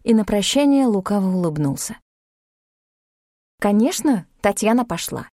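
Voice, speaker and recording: Woman reading a novel aloud, lively, dry close mic. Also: mid-range voice, moderate pace, no room sound. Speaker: audiobook narrator. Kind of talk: scripted narration.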